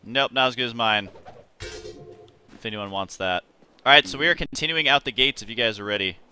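A man giving casual, excitable and jokey gameplay commentary as he hosts a livestream. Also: medium pitch, moderate pace, clean tone. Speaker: livestream gamer host. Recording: faint game noise behind.

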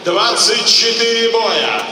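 A man working as a ring announcer, introducing fighters in a dramatic style with drawn-out names. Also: big pitch swings, sharp tone, heavy reverb, big-room sound, far from the mic. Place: large indoor ice arena. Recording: boomy arena PA from afar, noisy crowd.

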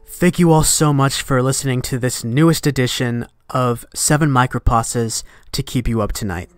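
A man reading a horror story aloud in a measured voice that sinks to a hush at tense moments, with faint music behind. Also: medium pitch, smooth, no echo. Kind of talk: scripted horror narration. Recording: dry close recording, faint music behind.

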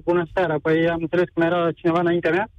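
Halting male caller on a phone line. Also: a little high, completely flat delivery, dry recording. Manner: halting, repeats words, rambles. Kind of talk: call-in to live radio. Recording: dull, dry phone line.

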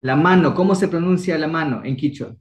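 A man's voice: a little high, a little fast, highs cut off, a little hiss or hum. A young man from Ecuador teaching a language class, coaxing students with encouraging quiz questions. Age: young adult. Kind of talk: online class, quizzing students.

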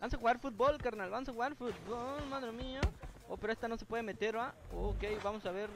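High-voiced slangy streamer man. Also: brisk. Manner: slangy, chatty, reads out viewers' names. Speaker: gaming streamer. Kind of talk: casual live-stream gameplay chat. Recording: game music clearly heard behind. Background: game music.

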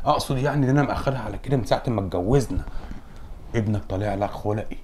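A man's voice: on the low side, racing, darkish tone, a little hiss or hum. A young man with an Egyptian accent acting in a comedy sketch, soothing and joking with his father. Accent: Egyptian Arabic. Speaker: comedy actor, son in the sketch.

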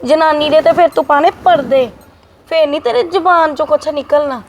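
A woman's voice: fairly quick, a little hiss or hum. A woman playing a feisty married elder sister who scolds her younger brother, speaking in a family short film. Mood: taunting. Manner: scolding, defiant, high-pitched.

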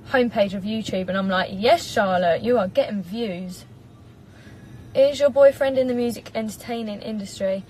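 A slightly mellow voice on the high side belongs to an English woman in her twenties, a singer chatting casually on a live stream from a parked car. Bubbly and giggly, she reads comments into a propped-up phone. The recording is rough, with slight background noise.

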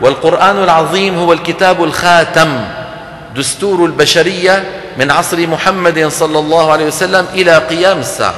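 A man's voice: on the high side, fairly even intonation, fairly quick, fairly bright tone. A man giving a religious lecture on Quran recitation, explaining points and quizzing his audience. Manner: explanatory, asks the audience questions and demonstrates sounds. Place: lecture hall. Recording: echoey hall recording.

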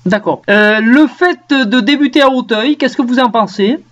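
A man's voice: very high-pitched, moderate pace, a bit bright, highs cut off. A man interviewing a horse trainer, asking leading questions and giving short acknowledgements. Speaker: racing interviewer. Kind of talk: radio interview.

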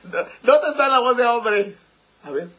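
A man's voice: extremely high pitch, expressive, moderate pace, fairly bright tone. A man with a Mexican accent hosting a casual livestream, flamboyant and campy as he answers viewer comments and laughs often. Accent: Mexican Spanish.

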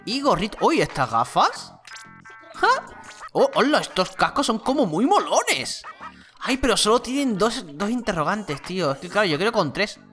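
A gaming channel host with a Spain Spanish accent giving chatty, excitable gameplay commentary. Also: mid-range voice, moderate pace, faint music behind. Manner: excitable, chatty, exclaims and laughs during play.

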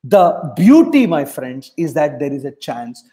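A middle-aged test prep coach with a South Indian accent runs a motivational webinar from a home room over a video call, repeating his points emphatically for effect and mixing in Hindi. His voice is a little high and sing-song, warm in tone, at a measured pace.

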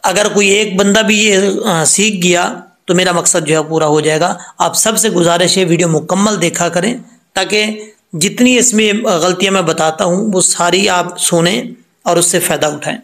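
A man teaching Quran pronunciation, patiently explaining each mistake step by step and then reciting the verses slowly in a chanted voice. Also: high voice, a bit bright. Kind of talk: tajweed lesson with slow chanted recitation.

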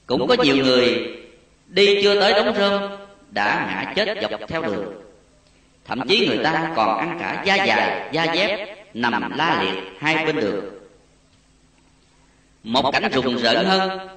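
A man reading a Buddhist memoir story aloud in a solemn, slow way, with a rising and falling voice, recorded far from the mic in an echoey space. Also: medium pitch. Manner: slow, solemn, lively rise and fall. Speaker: narrator. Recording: echoey and distant.

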